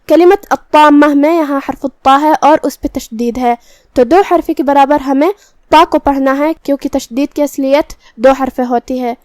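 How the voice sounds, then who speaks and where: A woman's voice: high-pitched, steady tone, darkish tone, dry recording. A woman teaching a Quran recitation lesson, patiently explaining each pronunciation rule step by step.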